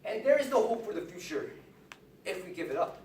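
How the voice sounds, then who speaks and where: An orator giving an impassioned, combative religious speech in emphatic, declamatory phrases with dramatic pauses. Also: medium pitch, sing-song, darkish tone, slight background noise. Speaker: orator defending the Bible. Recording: distant, echoey hall-like sound.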